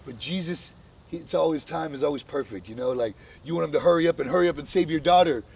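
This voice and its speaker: A young adult man vlogging in a casual chat, telling a story in an animated, slangy way with lots of fillers. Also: fairly high pitch, fast talker, vocal fry, recorded from a distance, slight background noise.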